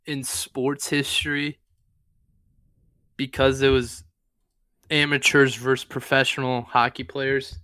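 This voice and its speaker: A man co-hosting a podcast, chatting casually about his favorite movies in a relaxed, rambling way. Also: medium pitch, clear, resonant tone, no room sound, studio quality. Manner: relaxed, rambling, with fillers and swearing. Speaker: podcast co-host.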